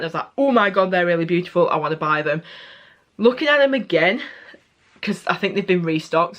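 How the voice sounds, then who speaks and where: A woman's voice: on the low side, fairly bright tone. A young woman beauty vlogger giving a casual, candid product review, often correcting herself mid-sentence.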